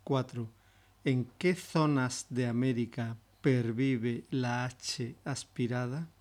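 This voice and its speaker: Slow, measured man narrating a lesson. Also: medium pitch, darkish tone. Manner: slow, measured, deliberate delivery. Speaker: language teacher. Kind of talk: scripted educational narration.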